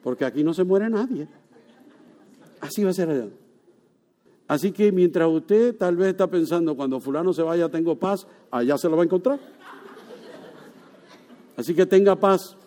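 A male pastor preaching a lively sermon to his congregation, joking and rising to loud exclamations. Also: sits high, moderate pace, pauses often. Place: church. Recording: long reverb of a church hall.

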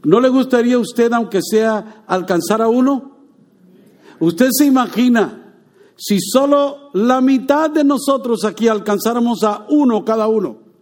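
A man preaching a lively sermon, joking with and quizzing his congregation. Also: very high-pitched, a little slow. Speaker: pastor.

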